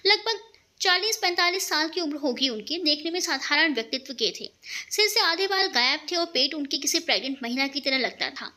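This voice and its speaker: A woman reading a romantic bedtime story aloud in a steady, expressive storybook narration. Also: sits high, fairly quick.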